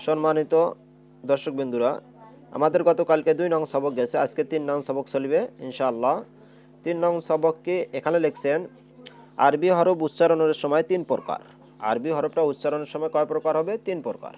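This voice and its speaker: Higher-voiced man teaching in dull lo-fi sound. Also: a little fast. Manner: asks questions and answers them himself. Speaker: Quran reading teacher. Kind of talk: step-by-step lesson with drawn-out letter demonstrations.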